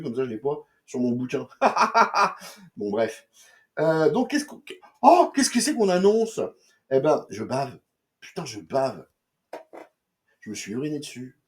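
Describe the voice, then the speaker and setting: A young man talks through comics in a loose, slangy ramble, full of fillers, restarts and jokes. His tone is mellow and soft-edged. His pitch leaps up and down animatedly. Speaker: comics reviewer. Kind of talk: casual chat.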